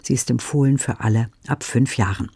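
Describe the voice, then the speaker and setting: A man hosting a radio book programme, introducing an author and asking questions in an animated way. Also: mid-range voice, fairly quick, husky, dry recording, clean studio sound. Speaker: radio host.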